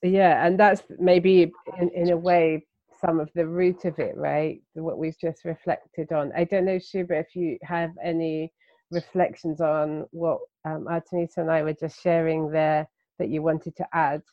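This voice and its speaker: A woman's voice: low-pitched, flat delivery, a little slow, no echo, lo-fi sound. A woman facilitating a reflective conversation, phrasing her thoughts tentatively and thoughtfully.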